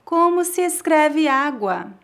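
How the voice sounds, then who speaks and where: A Brazilian Portuguese teacher gives a slow pronunciation lesson on her channel, using a high voice with big pitch swings. She speaks very slowly with a Brazilian Portuguese accent, enunciating each word carefully so learners can repeat after her.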